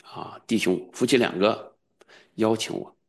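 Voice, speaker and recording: A man preaching as a pastor, swinging between quiet low asides and loud, high, fervent exclamations, at times chanting repeated commands in prayer. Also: a little slow, slightly rough. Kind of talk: charismatic sermon.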